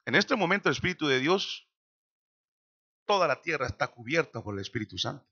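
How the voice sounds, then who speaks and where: Gravelly, animated preaching man. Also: fairly high pitch, lo-fi sound. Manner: dramatic preaching with slow emphatic quotations. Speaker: pastor. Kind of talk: sermon. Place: church.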